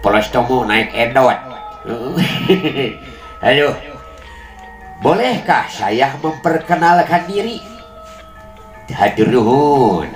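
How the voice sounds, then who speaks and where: With a medium-pitched, sing-song voice, a man with a Sundanese accent tells comic tales in rhymed patter, speaking extremely slowly and pausing often. He is a comic storyteller and show host, playful and chuckling as he goes. The amplified sound is echoey, with music playing behind him.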